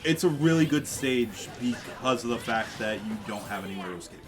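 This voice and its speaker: A man adds casual, teasing color commentary to a gaming tournament. His voice sits at a middle pitch, and music is clearly heard behind him. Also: animated, a little fast. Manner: teasing, laughs often. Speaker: esports co-commentator.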